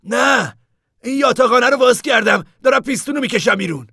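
A man doing a hoarse, eager young mechanic. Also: very high-pitched, lively intonation, pushed and bright, no room sound, studio quality, full character voice. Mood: busy.

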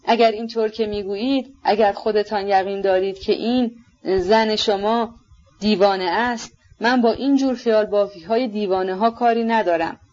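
A woman voicing a proud, fiery young woman in an audiobook, with sharp, scornful outbursts, in a dull lo-fi recording. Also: medium pitch, steady tone, natural voice. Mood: agitated.

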